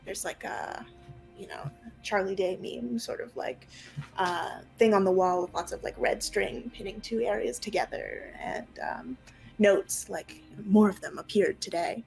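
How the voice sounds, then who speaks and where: A young woman narrating an online tabletop roleplaying game as game master, improvising her descriptions haltingly. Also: medium pitch, gravelly, a little mellow, rough recording. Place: room at home, on a group video call. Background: faint music.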